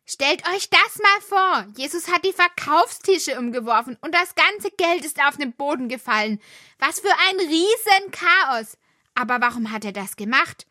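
A woman's voice: sits high, measured pace, no room sound, clean studio sound, heavily acted. A woman voicing a chatty, curious worm kid. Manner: lively, talkative and curious. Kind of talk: children's audio drama.

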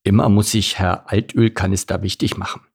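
A man's voice: sits low, flat delivery, brisk, gravelly, breathy edge, full character voice. A man voicing a smug, lazy spider. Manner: dry, slightly condescending muttering. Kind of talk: children's audiobook acting.

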